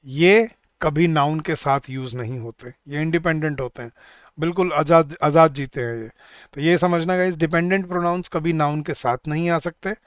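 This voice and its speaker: Indian man, young adult, grammar teacher, higher voice, smooth and clear, dry close sound, chatty. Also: no room sound. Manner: chatty, addresses viewers as guys, slow emphatic example sentences. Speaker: English teacher. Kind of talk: online exam-prep grammar lesson.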